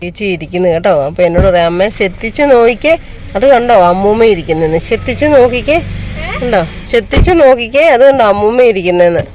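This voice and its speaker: A woman's voice: mid-range voice, fast talker, darkish tone, a little hiss or hum. A woman hosting a casual family vlog, chatting to the camera and coaxing a small child in baby talk while out shopping. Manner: chatty, folksy commentary to the camera. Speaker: vlogger host.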